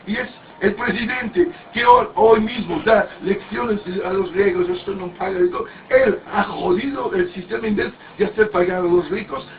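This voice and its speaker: A man in his fifties giving a rambling, anecdotal sermon-like talk with many restarts and crude words. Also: high-pitched. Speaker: speaker at a parody mass. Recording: distant, tinny, faint background noise.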